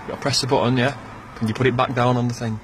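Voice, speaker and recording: A British man chatting casually and excitably, giving a running commentary on a prank. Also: medium pitch, very fast, a little hiss or hum.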